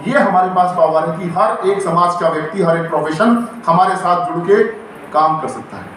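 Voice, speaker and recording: A man's voice: sits high, lively intonation, moderate pace, a bit bright. A middle-aged man giving a motivational training seminar on direct selling to a live audience, calling out questions for the crowd to answer. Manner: call-and-response with the crowd, emphatic and rousing. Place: indoor event hall before an audience. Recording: very echoey hall, distant mic, faint noise.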